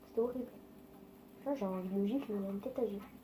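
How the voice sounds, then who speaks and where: A woman's voice: mid-range voice, quick pace, mellow, slight background noise, rough recording. A woman giving casual, chatty gameplay commentary, swearing freely and talking straight to her viewers. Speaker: gaming video creator.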